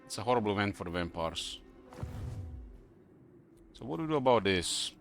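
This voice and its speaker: A man giving casual strategy game commentary, thinking aloud with hesitant pauses. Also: on the low side, expressive, creaky. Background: faint game music.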